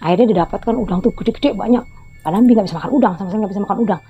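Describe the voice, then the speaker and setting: Talking very fast, a woman in her fifties spins a casual story for her vlog, wandering as she goes and repeatedly noting who said what. Her voice sits at a medium pitch with a dark tone. Faint music plays under slightly dull, lo-fi audio.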